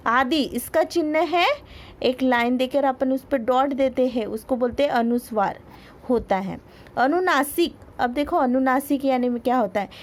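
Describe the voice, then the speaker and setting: A woman teaching a school grammar lesson. She asks questions and answers them herself, repeats key words and stretches out her examples. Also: high-pitched.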